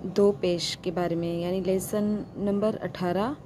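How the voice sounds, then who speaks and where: Slow, patient woman teaching recitation. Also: fairly low pitch, fairly even intonation, noisy background. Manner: patient, repeats each sound slowly. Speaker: Quran reading teacher.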